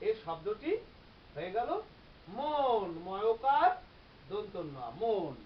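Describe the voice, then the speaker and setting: A teacher giving a grammar lecture, explaining step by step and repeating example words slowly. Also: mid-range voice, big pitch swings. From Bangladesh. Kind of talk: classroom-style grammar lecture. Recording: slightly dull recording with faint hiss.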